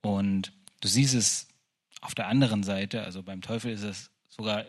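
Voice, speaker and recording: A man's voice: fairly low pitch, steady tone, normal speed. A man giving an informal sermon in a chatty style, often asking "you know?" and restarting his sentences. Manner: conversational, repeats "weißt du", restarts often. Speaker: preacher.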